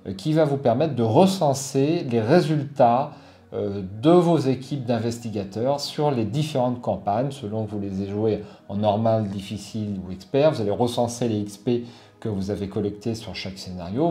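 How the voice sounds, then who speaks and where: A man's voice: mid-range voice, dark tone. A middle-aged man hosting a board game channel, giving a casual product review full of fillers and restarts. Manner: hesitant, many fillers and restarts.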